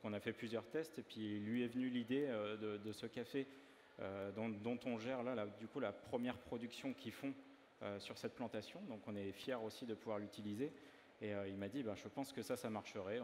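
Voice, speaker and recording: Hesitant low-voiced man in a reverberant hall. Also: fairly even intonation, brisk, darkish tone. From northern France. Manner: hesitant, many filler sounds. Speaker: pastry chef. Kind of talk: live demo interview. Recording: reverberant hall, faint ambient noise.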